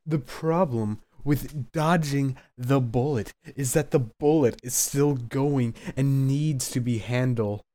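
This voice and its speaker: A man's voice: medium pitch, slow, few pauses, dark tone. Man reading self-help text, wry. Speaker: podcast co-host.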